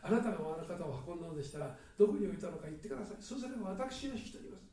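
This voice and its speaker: A man's voice: high voice, brisk, dark tone, very echoey, recorded from a distance, close to an everyday voice. A man voicing a grieving, devoted woman disciple who pleads fervently. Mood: pleading.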